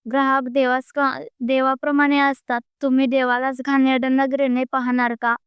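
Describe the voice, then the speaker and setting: Woman doing hot-tempered young man, protective, storybook audio, high voice, dry sound. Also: flat delivery, moderate pace, clean tone, no echo, lightly acted. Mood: angry scolding.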